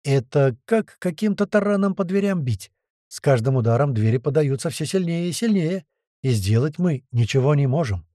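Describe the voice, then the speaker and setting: A man voicing a frantic shouting scientist. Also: fairly high pitch, animated, normal speed, no echo, clean studio sound, lightly acted. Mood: agitated. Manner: urgent, shouting in alarm. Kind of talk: audiobook character voice.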